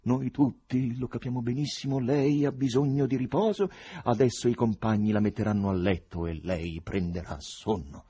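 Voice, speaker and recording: A man's voice: mid-range voice, steady tone, moderate pace, dark tone, slightly rough, voice pushed up, close to an everyday voice. A man doing a pompous, speechifying official. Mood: pompous soothing. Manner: speech-making, pompous, placating. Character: plump, smooth-talking male official, pompous and soothing.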